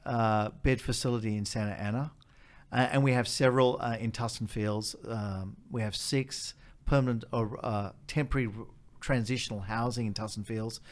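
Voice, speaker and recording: A man's voice: mid-range voice, fairly even intonation, moderate pace. A man with an Australian accent, a charity leader explaining in an interview step by step and stressing key points by repeating them.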